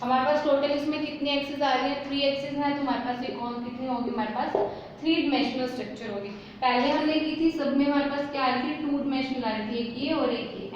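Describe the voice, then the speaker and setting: A high-voiced woman chemistry teacher gives a whiteboard lesson in Hindi, mixing in English terms. She repetitively poses rhetorical questions and answers them herself. The recording is slightly muffled, with an echoey room and slight background noise.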